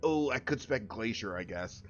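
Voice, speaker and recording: A man's voice: on the low side, lively intonation, moderate pace, lo-fi sound, faint music behind. A young man streaming a game, chatting casually with friends and laughing often. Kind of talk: casual gameplay chat.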